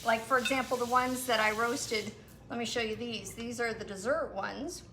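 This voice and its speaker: A woman guest explaining her recipes in a relaxed, casual chat, with lots of fillers. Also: on the high side, normal speed. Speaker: guest cook. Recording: echoey room with some noise.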